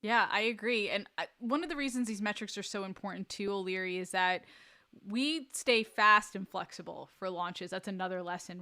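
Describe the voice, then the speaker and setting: A woman co-hosting a business podcast, agreeable and brisk as she explains. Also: medium pitch, fairly bright tone, clear, resonant tone. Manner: agreeable, with short backchannels and a brisk teaching tone. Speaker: podcast co-host. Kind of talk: casual business podcast chat.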